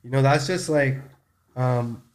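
Man, 30s, from canada, laid-back rambling podcast guest, mid-pitched voice. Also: unhurried. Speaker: guest, cannabis store owner. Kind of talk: casual podcast chat.

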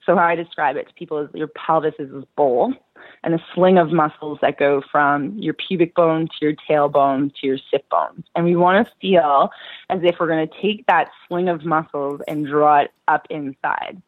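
A woman's voice: sits low, steady tone, normal speed, no echo. A woman therapist explaining pelvic floor care in an interview, her voice coming through a tinny phone line, reassuring and practical with frequent fillers.

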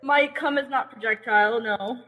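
A woman's voice: a little high, moderate pace, long reverb tail, phone-quality sound. A woman calling in to a podcast over a remote line with a bad connection that keeps cutting out, blunt and teasing in manner. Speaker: caller. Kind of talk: casual podcast call-in. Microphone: remote call over the internet.

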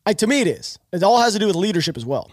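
In a dry, studio-quality recording, a man speaks in a high, sing-song voice at a racing pace. He hosts a podcast, sounding congested from allergies, and rambles opinionatedly through the news with lots of restarts, offering casual political commentary.

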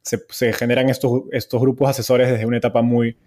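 A man's voice: mid-range voice, brisk. Podcast host guy, chill and chatty, asking questions. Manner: relaxed, asks questions. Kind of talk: interviewer.

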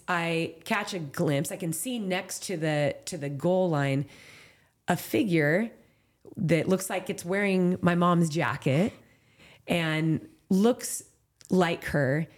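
A woman's voice: fairly low pitch, takes it slowly. A woman in her thirties from Southern California, a professional trail runner telling a heartfelt story in an interview, candid and full of "like" and "you know". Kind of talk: emotional storytelling in a podcast interview.

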